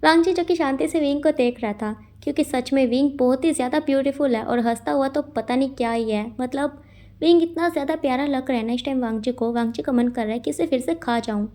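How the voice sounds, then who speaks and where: Woman storyteller with a high, mellow voice, retelling a story in a chatty way. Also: a little fast. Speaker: fanfiction storyteller. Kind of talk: storybook narration.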